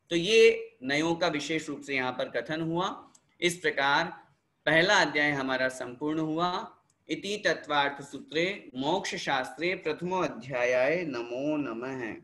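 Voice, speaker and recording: A man with a bright, ringing voice leads an online scripture class. His voice sits somewhat high, and he chants each sutra slowly and carefully twice so students can follow. The sound comes through a video-call mic. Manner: urges listeners to speak aloud. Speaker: scripture teacher. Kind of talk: online religious lesson with sutra recitation.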